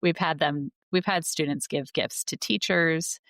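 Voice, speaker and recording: A woman's voice: low voice, fairly even intonation, measured pace, fairly bright tone, no room sound, studio quality. A woman school librarian talking earnestly in a casual conversation, with many fillers and restarts. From United States.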